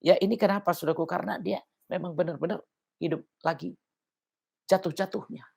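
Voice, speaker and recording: Woman pastor, Indonesian accent, gravelly lowish voice, earnest sermon delivery. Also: fairly even intonation, fairly quick, dark tone. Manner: earnest, repetitive appeals to the congregation.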